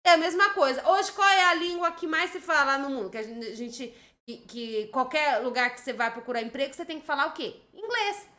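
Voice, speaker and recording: A Brazilian woman co-hosting a casual livestream chat, animated and teasing and quick to scold her partner. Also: high-pitched. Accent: Brazilian Portuguese. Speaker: livestream co-host.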